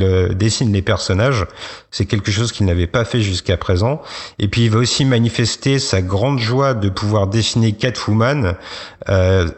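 A man co-hosting who presents a prepared overview from notes in a steady, informative way. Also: fairly low pitch. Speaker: co-host presenting a comics author.

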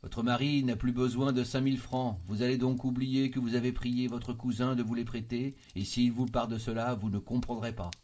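A man voicing a confident doctor in an audiobook, giving measured commands. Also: mid-range voice, flat delivery, darkish tone, pitched above the performer's own voice, natural voice. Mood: commanding. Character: calm, confident male doctor hypnotist.

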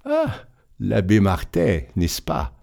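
A man's voice: deep voice, huge pitch swings, slow, gravelly, darkish tone, heavily acted. A man voicing a solemn male angel who keeps a great book, grave and given to sighing, in a told tale. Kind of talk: audiobook storytelling.

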